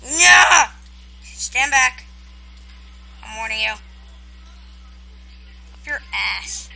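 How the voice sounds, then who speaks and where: A woman giving loud, excitable live commentary while playing a video game. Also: on the high side, drawn-out words, vocal fry, poor audio. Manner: excitable, yelling and laughing at the game. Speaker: gamer.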